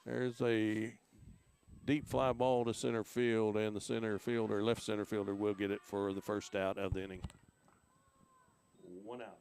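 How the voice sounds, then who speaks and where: A man from Oklahoma calling play-by-play for a local high school softball game in a relaxed, conversational way. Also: normal speed, creaky, slight background noise. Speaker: play-by-play announcer.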